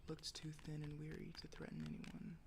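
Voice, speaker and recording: A man's voice: on the high side, completely flat delivery, brisk, vocal fry. A man reading a book aloud in an unvoiced ASMR whisper, carefully, with finger tapping and clicks. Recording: noisy, loud hiss and clicks.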